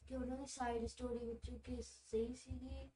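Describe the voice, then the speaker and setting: A woman's voice: fairly high pitch, flat delivery, normal speed, mellow, echoey room, far from the mic, a little hiss or hum, rough recording. A young female student answering in class, hesitant, with restarts.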